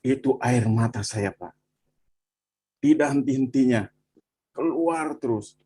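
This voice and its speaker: A man from Bandung, telling his personal testimony in animated conversation and often addressing the listener as "Pak". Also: medium pitch, slow, slight background noise. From Bandung, Indonesia. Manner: animated storytelling, frequent "Pak" and "gitu".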